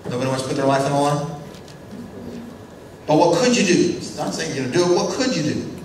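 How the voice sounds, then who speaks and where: A man lecturing a class with a slightly high voice, firing questions at the room and acting out characters as he goes. He stands well back from the mic, so he sounds distant. The room is very echoey, with a faint hiss underneath. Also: darkish tone. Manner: asks the class questions and repeats short answers; acts out biblical characters in quick voices. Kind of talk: classroom lecture on church mission.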